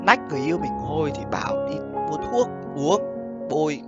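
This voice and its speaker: A man's voice: a little high, lively intonation, normal speed, lo-fi sound, over loud music. A man talking casually to viewers as a host giving relationship commentary, blunt and sweary, often checking that listeners follow. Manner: blunt, profane, often asks "understand?" and "right?". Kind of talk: casual monologue addressed to viewers.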